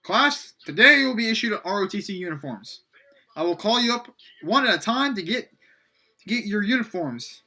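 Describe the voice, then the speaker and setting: A man's voice: high voice, animated, normal speed, bright, forceful tone, voice pushed up, full character voice. A man voicing a stern military instructor who gives commands to a class. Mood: commanding.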